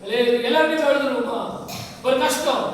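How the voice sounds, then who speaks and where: A woman's voice: sits high, a little fast. A woman preacher giving a fervent sermon, often saying hallelujah and asking the congregation questions. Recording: echoey hall, voice far from the mic.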